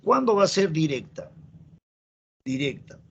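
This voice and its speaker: This lo-fi clip features a Peruvian-accented man with a high, gravelly, husky voice who is very animated yet speaks a little slowly. In a classroom grammar lecture, he repeats important phrases and checks in with students.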